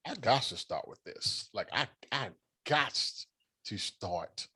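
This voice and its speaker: A man's voice: fairly low pitch, lively intonation, slow, pushed and bright, breathy edge. A man hosting a casual live-stream show, playful and teasing with loose slangy talk. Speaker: show host.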